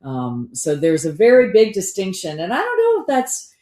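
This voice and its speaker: A woman's voice: medium pitch, huge pitch swings, normal speed, warm tone. A woman co-hosting a podcast in casual, storytelling conversation, recorded in a roomy-sounding space. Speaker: podcast co-host.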